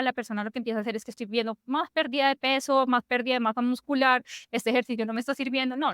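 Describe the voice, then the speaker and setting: A woman doctor talks through her points in a relaxed interview, circling back with fillers and restarts. Her voice sits a little high and sounds smooth and resonant, recorded close and dry. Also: dry recording. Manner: explains at length with many fillers and restarts. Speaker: physician. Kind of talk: conversational interview.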